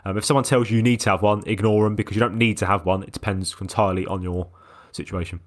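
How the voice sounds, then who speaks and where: A man's voice: on the low side, steady tone, quick pace. A British man hosting a podcast, chatting casually in a blokey, sweary way. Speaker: podcast host. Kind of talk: casual chat.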